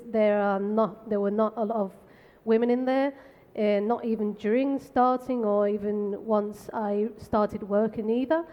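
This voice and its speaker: A woman from the Canary Islands in Spain, speaking on a tech panel in a brisk, frank, self-deprecating way. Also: medium pitch, dull audio. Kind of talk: conversational panel talk. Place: conference stage. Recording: long hall reverb.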